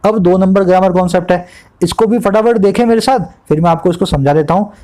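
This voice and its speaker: A man with a high-pitched voice teaches English vocabulary and grammar from a newspaper editorial. He explains in Hindi, scattering English terms throughout, and reads the English sentences slowly, one word at a time. He keeps asking his students whether they have understood. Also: mellow, low-quality recording. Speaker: English tutor.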